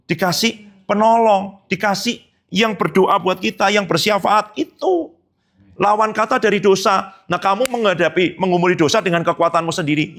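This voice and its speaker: Gravelly, animated high-voiced male pastor. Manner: emphatic, with rhetorical questions answered himself and repeated tag phrases. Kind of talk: sermon. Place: church service.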